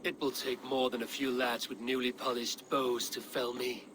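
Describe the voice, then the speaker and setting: A man playing a proud, battle-hardened Viking warrior in a game cutscene, speaking in measured, formal, poetic phrases. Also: mid-range voice, little pitch movement, background noise, lightly acted. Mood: wry. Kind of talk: dramatic video game cutscene acting.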